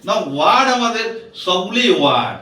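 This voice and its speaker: High, bright-voiced man teaching English. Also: sing-song, brisk, reverberant, recorded from a distance. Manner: patient, spells words out letter by letter and asks the viewer questions. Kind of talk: English lesson video explained in Bengali.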